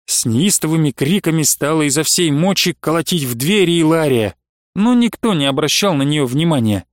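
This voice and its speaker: High-voiced male audiobook narrator. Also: no room sound, clean studio sound. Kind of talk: expressive literary narration.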